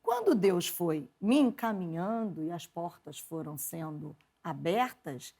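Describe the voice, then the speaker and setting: Lively Brazilian woman telling stories. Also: on the low side, slow. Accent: Brazilian Portuguese. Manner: lively, laughs often, quotes her mother in animated voices. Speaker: guest, journalist and preacher. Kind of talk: conversational interview storytelling.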